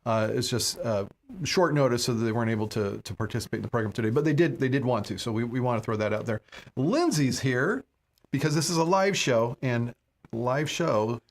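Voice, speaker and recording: A man's voice: medium pitch, brisk. A man hosting a live medical talk show, chatting casually and often repeating words as he goes. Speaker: host.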